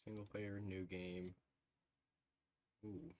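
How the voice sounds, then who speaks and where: Over a headset mic, a man streams a game live, thinking out loud and chatting with his viewers, dropping frequent "ooh"s and small laughs. His voice is low and slow with a darkish tone and little pitch movement.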